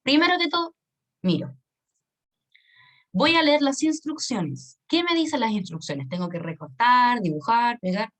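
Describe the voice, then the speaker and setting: A woman's voice: on the high side, animated, a little slow, a bit bright. A woman teaches an online English lesson. She explains patiently, repeats key points and keeps checking that the students follow.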